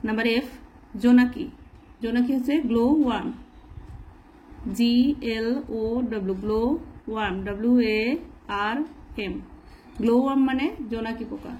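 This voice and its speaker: A woman teaching a children's lesson, slowly spelling out words letter by letter and explaining grammar in a patient way. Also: fairly high pitch, fairly even intonation, a little mellow, low-quality recording. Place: at home, writing in a notebook.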